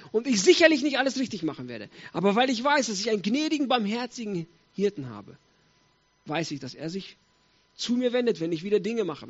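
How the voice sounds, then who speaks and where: A man's voice: high-pitched, husky, lo-fi sound. A middle-aged man preaching a sermon emphatically, putting rhetorical questions to his congregation.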